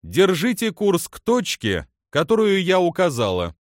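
A man voicing a stern, commanding female alien admiral who gives crisp, decisive orders. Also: lowish voice, wildly swooping pitch, measured pace, dry recording, studio quality, pitched above the performer's own voice.

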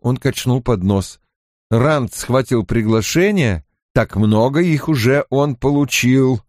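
A man's voice: medium pitch, slow, a little mellow, dry recording. Male audiobook narrator, dry sound. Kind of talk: scripted narration.

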